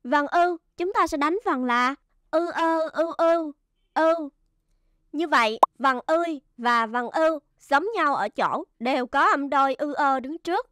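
High-voiced woman teacher spelling syllables. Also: lively intonation, fairly bright tone, no room sound, studio quality. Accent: Vietnamese. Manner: slow, clear syllable-by-syllable spelling. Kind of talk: first-grade reading lesson.

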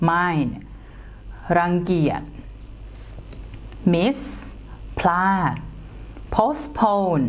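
A young woman teaching English grammar to students, explaining slowly and patiently and spelling words out letter by letter. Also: on the low side. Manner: spells words letter by letter, calls listeners "friends".

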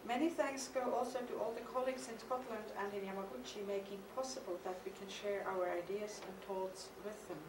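Steady in tone and medium in pitch, a middle-aged woman with a German accent reads a partly poetic lecture she prepared, speaking as an artist at a conference. Her reading is measured and reflective, and she hesitates at times. The echoey mid-sized studio hall, heard from the camera's distance, carries background noise, though she uses a podium mic on a stand onstage.

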